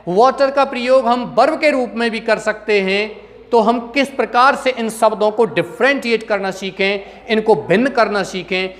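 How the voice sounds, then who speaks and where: A man's voice: very high-pitched, a bit bright, in a large hall. A man teaching a spoken English lesson. He drills his students by asking the same question again and again.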